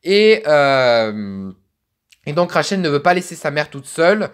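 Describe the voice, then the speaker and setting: A young man commenting on a story game, chatty and musing, thinking out loud. His voice is animated with wide swings in pitch. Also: a little slow, clean tone. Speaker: let's play host. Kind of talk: let's play commentary.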